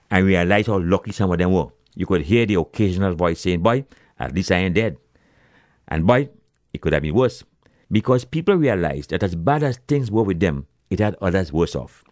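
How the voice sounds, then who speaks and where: A man from Grenada with a Grenadian accent, telling a humorous story in a folksy, animated manner with creole phrasing. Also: low-pitched, no room sound, studio quality.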